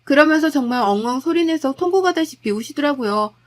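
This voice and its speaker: A woman narrating a family story in a steady, conversational telling. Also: high-pitched, brisk.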